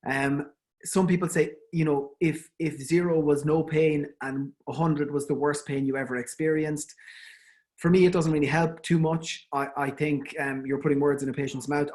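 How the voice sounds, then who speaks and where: A man's voice: on the high side, level tone, moderate pace, a little mellow. Irish male dental specialist, chatty lecture delivery, tenor-leaning voice, lots of ums. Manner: conversational, frequent ums and restarts. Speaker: endodontist giving an online talk. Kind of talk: informal webinar lecture.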